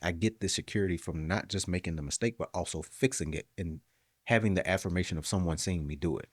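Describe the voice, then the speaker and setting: Man, deep voice, dry close sound, animated motivational storyteller in casual podcast chat. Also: quick pace, slightly rough, no room sound.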